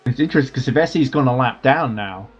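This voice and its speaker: A man giving live commentary on a simulated endurance race, analytical and steady. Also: medium pitch, fast talker, breathy edge, dull audio. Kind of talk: live sim-racing commentary.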